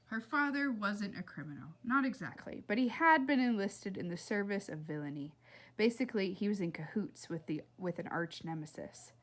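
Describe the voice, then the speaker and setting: A woman with a mid-range voice reads a children's book aloud the way a teacher would, at a normal speed. Her narration is animated and expressive, sprinkled with chatty asides to her listeners.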